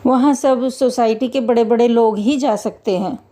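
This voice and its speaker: A woman voicing a poor, timid widowed mother in a spoken story, hesitant and soft-spoken. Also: a little high, steady tone, moderate pace, lightly acted. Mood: worried. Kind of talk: storytelling voice acting.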